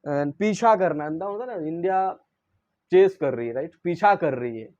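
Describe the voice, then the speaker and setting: A man's voice: on the high side, lively intonation, normal speed, darkish tone, highs cut off. A man teaching English verbs in Hindi. He asks and answers his own questions and recites each verb's forms in English. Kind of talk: classroom-style lesson.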